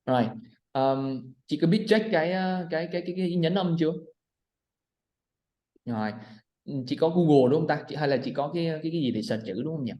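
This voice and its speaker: Male English tutor, video call, patient, drills words slowly. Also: a little high, dark tone. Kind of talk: one-on-one online lesson.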